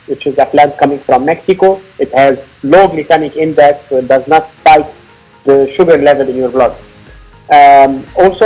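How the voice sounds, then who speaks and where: Man from Lebanon, slightly high voice. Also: a little mellow, poor audio. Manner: explanatory, measured, frequent fillers. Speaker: founder and CEO guest. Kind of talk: podcast interview.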